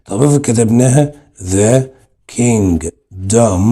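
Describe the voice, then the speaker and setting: A man's voice: on the low side, slow, dark tone. A man with an Egyptian Arabic accent teaching English grammar online, explaining step by step and asking and answering his own questions.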